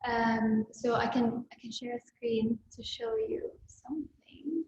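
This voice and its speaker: A young woman, a guest artist born in Ukraine with a Kuwaiti side, gives thoughtful, somewhat hesitant answers in a conversational online talk from an indoor room. Her voice is fairly high and a little slow. The audio sounds like a muffled online call in a boxy, echoing room with faint noise.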